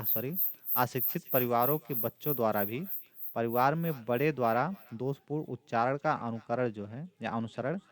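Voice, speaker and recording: A man, a teacher going through a model exam paper, repeating points steadily with frequent fillers. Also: medium pitch.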